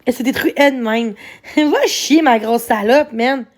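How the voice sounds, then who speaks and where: A woman with a Québécois accent, streaming live on her phone and angrily ranting at her chat, swearing and shouting. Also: high-pitched, a little slow. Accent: Québécois French. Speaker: livestreamer. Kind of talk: angry livestream rant.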